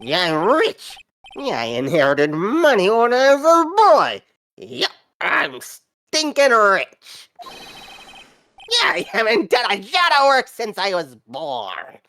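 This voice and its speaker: A woman's voice: medium pitch, huge pitch swings, takes it slowly, fairly bright tone, full character voice. A woman voicing a grumpy, cranky old man with a Scottish accent for a video game character. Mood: smug, gruff. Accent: put-on Scottish. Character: grumpy, insolent-hating rich old man who feeds pigeons.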